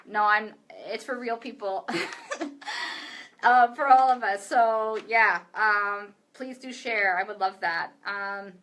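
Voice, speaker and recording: A woman's voice: medium pitch, takes it slowly, a bit bright, a little hiss or hum. A woman mentor talking casually to camera, candid and profane, full of filler likes. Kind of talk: casual direct-to-camera talk.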